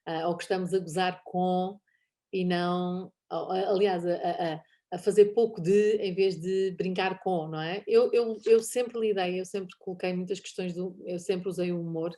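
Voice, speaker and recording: A middle-aged woman with a European Portuguese accent speaks as a guest in a casual online talk. Her voice sits a little low, and she laughs easily as she acts out snippets of conversation. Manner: animated, laughs often, acts out quoted dialogue.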